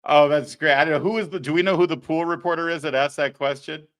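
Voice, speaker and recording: A man's voice: a little high, fairly even intonation, fast. A man hosting a political talk show, sarcastic and mocking, laughing at his own jokes. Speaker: show host. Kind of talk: opinionated political commentary.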